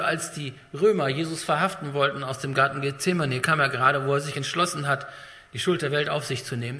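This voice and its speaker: A man preaching a sermon with dramatic swings between loud emphasis and hushed, drawn-out phrases. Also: a little high. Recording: long hall reverb.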